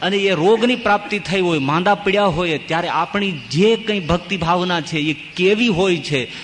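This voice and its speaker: A man's voice: high-pitched, moderate pace, fairly bright tone. A man, a swami, giving a sermon on scripture, telling stories with emphatic, rising and falling delivery. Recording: long hall reverb with faint ambient noise.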